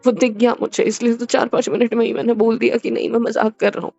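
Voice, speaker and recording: A man playing a gentle apologetic young husband. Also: very high-pitched, level tone, quick pace, creaky, highs cut off, soft background music. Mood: tender. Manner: soothing, coaxing, repetitive reassurance. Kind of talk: romantic couple audio drama.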